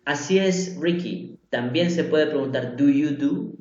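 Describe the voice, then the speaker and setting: A man's voice: a little high, measured pace, a little mellow. A man teaching a live online language class, patiently repeating example phrases and putting questions to his students. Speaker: English teacher. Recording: echoey room, dull lo-fi sound.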